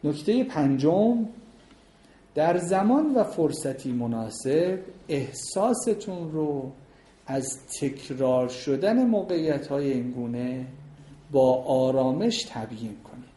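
A man's voice: on the high side, animated, dark tone. A man teaching a class on marriage, going through numbered points and acting out sample talks between husband and wife. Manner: explains points by number, acts out sample dialogues between spouses. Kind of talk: lecture with audience questions. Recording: echoey room.

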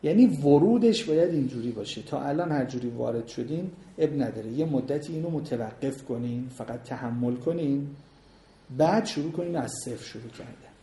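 A man lectures on marriage to a class, moving through numbered points. He acts out short exchanges between spouses to show each one. His voice is mellow, and the room gives it a roomy echo. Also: mid-range voice, animated. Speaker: marriage counselor teaching a class. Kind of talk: lecture with audience questions. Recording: echoey room.

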